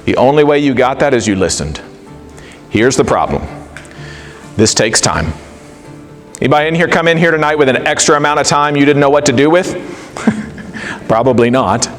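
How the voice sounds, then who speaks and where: A middle-aged man giving an animated, conversational talk to a live audience, acting out quoted dialogue. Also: mid-range voice, normal speed, pauses often, faint music behind. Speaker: speaker.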